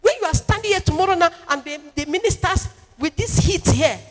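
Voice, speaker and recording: A woman's voice: extremely high pitch, animated, fairly quick. A woman with a Nigerian English accent preaching a sermon as a prophetess, emphatic and repetitive with sing-song rises. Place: church. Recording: long reverb in a church hall with music.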